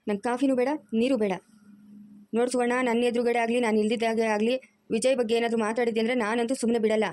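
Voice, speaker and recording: A woman performs a stern, hurt mother who lectures her family firmly. The voice sits high but moves in a narrow, level band. The sound is dry and close. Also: flat delivery, fast talker, darkish tone, no room sound, close to an everyday voice. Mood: stern scolding. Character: aging mother, stern and wounded. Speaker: mother-in-law. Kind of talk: amateur family drama acting.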